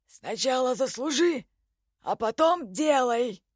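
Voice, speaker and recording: A woman voicing a sly, seasoned male elf warrior who speaks in a measured, crafty way. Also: high voice, expressive, husky, dry recording, studio quality, voice pushed up, exaggerated voice. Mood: stern.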